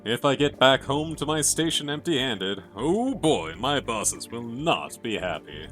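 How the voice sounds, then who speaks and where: Game detective, friendly and encouraging, lively swooping delivery, read by a male player, light music behind. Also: medium pitch, unhurried. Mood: chatty. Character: friendly detective on a train investigation. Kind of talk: video game character voice.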